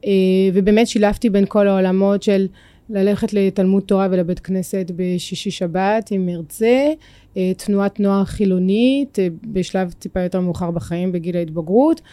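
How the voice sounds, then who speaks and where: French woman w a french accent in hebrew, mellow voice, dry sound, thoughtful podcast guest, kinda hesitant. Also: mid-range voice, no echo. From France. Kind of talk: reflective personal interview.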